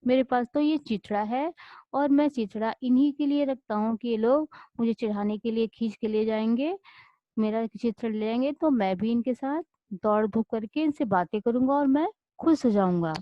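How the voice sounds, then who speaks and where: A woman voicing a poor, gentle old male beggar-saint who loves children. She speaks humbly and pleadingly in a storybook reading. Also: fairly high pitch, normal speed, no echo, natural voice. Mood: earnest. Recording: dull lo-fi dry recording.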